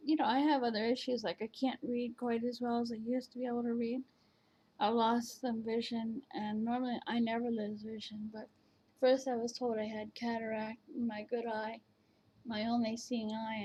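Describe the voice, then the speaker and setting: This woman vlogger, reviewing virtual canes, chats casually at her computer at home, her voice fairly high with a darkish tone. She rambles hesitantly, full of fillers and restarts, over slight background noise.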